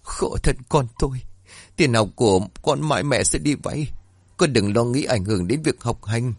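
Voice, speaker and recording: A man's voice: medium pitch, animated, moderate pace, breathy edge, no room sound, clean studio sound, pitched above the performer's own voice. A man voicing a poor, devoted mother who pleads tearfully and speaks tenderly to her son. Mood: tender firm.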